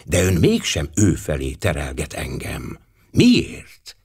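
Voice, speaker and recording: A man reading an audiobook, voicing a fussy, shrewd older male detective with a precise, gently ironic manner. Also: very deep voice, wildly swooping pitch, breathy edge, voice pushed down, full character voice. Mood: wry. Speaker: audiobook reader.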